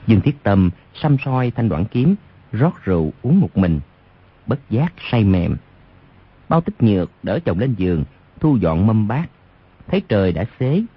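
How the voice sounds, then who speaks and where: Lively low-voiced male narrator. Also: a little slow, breathy edge. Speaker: audiobook narrator. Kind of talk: storytelling narration of a martial arts novel. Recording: lo-fi radio recording.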